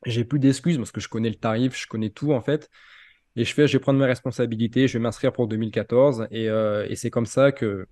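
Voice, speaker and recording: A man in his forties from France tells his story in a casual interview, acting out the exchanges with lively quoted dialogue and many fillers. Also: medium pitch, no room sound, studio quality. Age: 40s. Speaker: interviewee, ultra triathlete.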